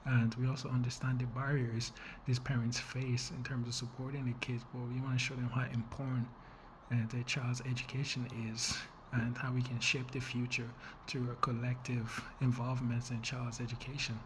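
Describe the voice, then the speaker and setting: A young man from the Congo, a nonprofit founder, making an earnest, measured funding pitch with some fillers and small restarts. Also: flat delivery, background noise.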